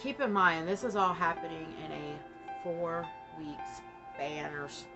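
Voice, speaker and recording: A woman who is short of breath gives a personal update in a casual monologue, speaking in halting, broken phrases. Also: sits low, lo-fi sound, over music. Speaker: vlogger giving a personal family update.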